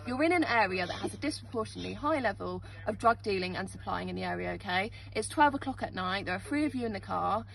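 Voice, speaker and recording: A woman's voice: mid-range voice, animated, fast, vocal fry, few pauses, fairly bright tone, slight background noise, poor audio. A woman police officer, outside a car at night, explaining her grounds in a procedural way and asking to be heard. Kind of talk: roadside police stop. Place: outdoors beside a car at night.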